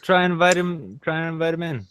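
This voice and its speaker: A man's voice: fairly high pitch, fast talker, a bit bright, clear, resonant tone, no echo, clean studio sound. An American man as a guest in a casual online chat, blunt, teasing and swearing freely. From United States.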